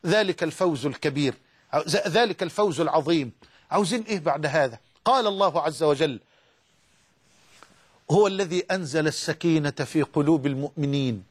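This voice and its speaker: A man's voice: fairly high pitch, animated, a little fast, husky. A man preaching in Egyptian Arabic, delivering an emotive religious lecture that moves between recited scripture and colloquial speech. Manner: emotive, swearing oaths, mixing Quranic recitation with colloquial speech.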